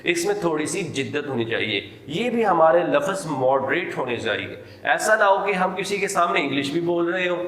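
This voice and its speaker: A man with a Pakistani accent giving a recorded English lecture, repeating points and reading English example sentences out slowly and deliberately. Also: on the high side, lively intonation, fairly bright tone. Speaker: college English teacher. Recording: echoey hall with long reverb.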